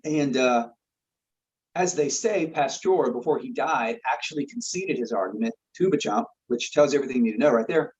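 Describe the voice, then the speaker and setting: A man's voice: mid-range voice, expressive, normal speed, darkish tone. A man explaining a topic earnestly in casual conversation. He often repeats words and checks in with "right?". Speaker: guest expert. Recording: slightly dull lo-fi sound.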